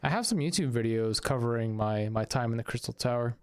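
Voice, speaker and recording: A man's voice: mid-range voice, lively intonation, brisk, clean tone. A man casually chatting to his viewers while playing a game, reading and answering chat. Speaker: streamer. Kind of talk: casual live gameplay commentary.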